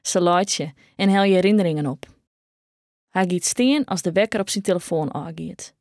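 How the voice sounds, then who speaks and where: A woman with a Frisian accent reading a young-adult novel aloud, telling the story in a steady way. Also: on the low side, moderate pace, no echo, clean studio sound. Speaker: audiobook reader. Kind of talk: audiobook narration.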